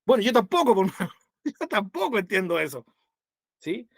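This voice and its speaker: A man's voice: high voice, sing-song, normal speed, no room sound, clean studio sound. A man teaching a Bible study to his congregation, conversational, with constant rhetorical tag questions.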